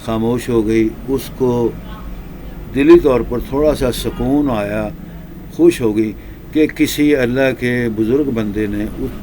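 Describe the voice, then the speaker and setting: Male preacher telling a slow religious tale. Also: medium pitch, dark tone, slight background noise. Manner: slow, repetitive telling with drawn-out pauses. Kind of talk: storytelling sermon.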